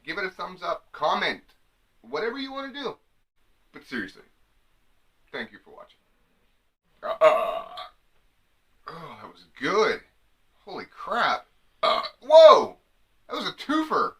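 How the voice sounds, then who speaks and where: Young guy doing a jokey advice bit to camera, bright voice, pitch bouncing everywhere. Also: measured pace, vocal fry, pauses often. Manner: animated, jokey, slips into mock women's voices. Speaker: comedy vlogger. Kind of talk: comic advice monologue to camera.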